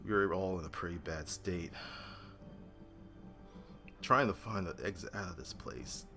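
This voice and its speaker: Tired-sounding guy recapping a dnd game, really low gravelly voice, slow and halting, music behind. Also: expressive, pushed and bright. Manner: weary, halting. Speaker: player recapping a tabletop game. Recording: music under the voice.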